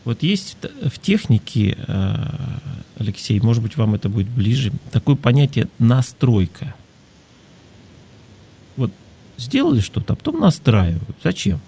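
Reading out listener messages, a male host offers advice conversationally, musing, explaining and posing rhetorical questions. He speaks at normal speed with a warm, medium-pitched voice that swoops wildly, over a slight hiss or hum.

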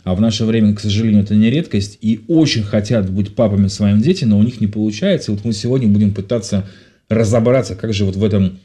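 A man's voice: lowish voice, quick pace, dark tone. A man hosting a live radio talk show from a studio, chatty and jokey, with frequent filler sounds.

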